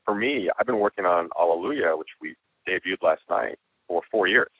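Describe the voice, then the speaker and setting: A man with a hoarse voice, a guest musician and filmmaker talking reflectively in a casual interview. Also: low voice, normal speed, dry recording. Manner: reflective, with frequent restarts and laughs. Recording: tinny phone-like line.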